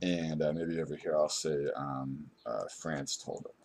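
A man's voice: extremely low pitch, fairly even intonation, a little slow, darkish tone. A man narrating a step-by-step screen tutorial as an instructor, explaining things informally and without a script.

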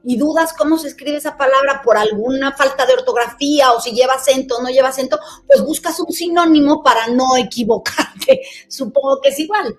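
A woman's voice: high voice, a little fast, hardly any pauses. A woman hosting an interview, who searches for her words and repeats "que" and "y" as she builds her questions. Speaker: interview host. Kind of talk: conversational interview.

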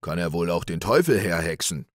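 A man voicing a gullible, boastful middle-aged farmer in an audiobook fairy tale, gruff and eager. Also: sits low, lively intonation, brisk, dry recording, studio quality.

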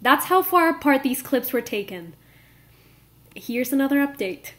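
A woman's voice: high-pitched, big pitch swings, moderate pace. A tipsy, giggly young woman vlogging casually in party chatter, speaking into a phone held at arm's length. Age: young adult. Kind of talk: casual vlog chat. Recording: loud music and crowd chatter behind.

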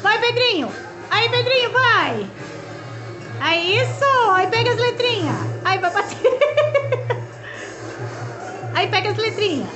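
A Brazilian woman vlogging at home, cheering a child on through a video game and shouting encouragement, her throat sore from yelling. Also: very high voice, sing-song, slow, long pauses, music in the background. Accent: Brazilian Portuguese. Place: home living room.

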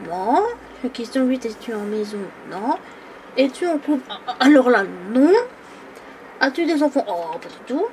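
A woman's voice: high voice, darkish tone, slight background noise. A woman in her twenties from the Île-de-France region, chatting casually and hesitantly while coloring on camera at a table, with many fillers. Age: 20s. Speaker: coloring YouTuber. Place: indoors at a table.

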